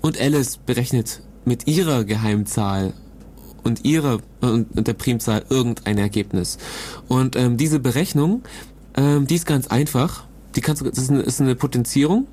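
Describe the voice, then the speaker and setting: A man co-hosting a podcast, explaining a technical topic in a loose, hesitant way, often pausing to search for words. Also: medium pitch, mellow. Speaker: podcast co-host explaining cryptography. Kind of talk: casual explanatory podcast chat.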